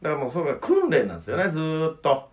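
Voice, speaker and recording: A man with a talks fast and bossy, ribbing a junior colleague. His slightly high voice swings widely in pitch. He sounds playful, with mock offense. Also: huge pitch swings. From Okayama region. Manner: teasing, bossy, mock-offended, dialect speech. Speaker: senior comedian coaching a junior. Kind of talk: comedic banter on a radio-style show.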